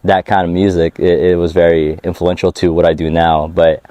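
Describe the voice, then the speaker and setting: An American rapper chats casually about his music during an interview on an outdoor hike, slangy, laid-back and laughing often. His voice is deep, level and warm, and he talks fairly quickly. There's no room sound.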